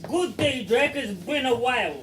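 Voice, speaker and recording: A man's voice: extremely high pitch, lively intonation, normal speed. A man playing a bumbling, gullible brother with a laughing theatrical delivery, in a distant stage recording with background noise.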